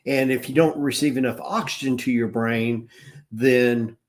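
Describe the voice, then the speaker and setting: A man in his mid-sixties talks slowly and earnestly through a casual live stream, his voice sitting at an ordinary middle pitch. He wanders through his points and often backs up to restart a sentence. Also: steady tone. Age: 60s. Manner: earnest, rambling, with frequent restarts. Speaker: wellness business owner.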